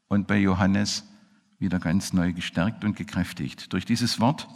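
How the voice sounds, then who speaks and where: A man preaching a sermon in a church, emphatic, swinging between loud outbursts and low murmurs. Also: creaky. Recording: echoey hall reverb.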